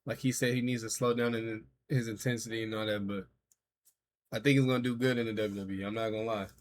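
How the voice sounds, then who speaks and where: A man's voice: on the low side, flat delivery, fast talker, slight background noise. A man in his thirties, a streamer, reacting casually and talking to his chat in loose, profane slang. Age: 30s.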